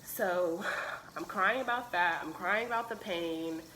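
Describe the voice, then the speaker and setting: Woman vlogger with a lowish, bright, tense voice, telling her story in a chatty, emotional way at home. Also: unhurried, slight background noise, poor audio. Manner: emotional, chatty, many "like" and "literally" fillers. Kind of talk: casual personal storytelling.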